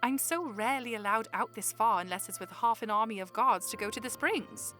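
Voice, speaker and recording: Young princess, played by a woman: higher-pitched, polite and earnest, formal phrasing, audio drama with music underneath. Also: brisk, bright, forceful tone. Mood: sincere. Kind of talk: fan audio drama acting.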